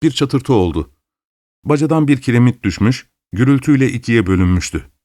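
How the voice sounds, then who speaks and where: A man narrating a literary story in a measured, even reading. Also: mid-range voice, no echo, studio quality.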